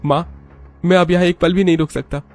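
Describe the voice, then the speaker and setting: A man's voice: sits high, fairly even intonation, fairly quick, darkish tone, faint music behind, voice pushed up. A man voicing an emotional young husband from a rich family, talking passionately. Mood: angry. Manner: emotional, impassioned.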